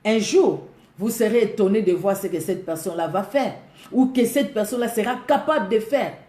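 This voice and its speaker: A woman's voice: mid-range voice, fairly quick, mellow, reverberant. A woman preacher with a Congolese French accent, delivering a sermon emphatically, repeating her phrases and speaking straight to her listeners.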